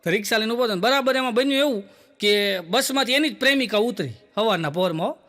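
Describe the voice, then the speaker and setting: Stand-up comic, male, chatty storyteller, very high pitch, a sharp, bright tone. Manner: chatty joke-telling, quick quoted dialogue. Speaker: stand-up comedian. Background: audience laughter.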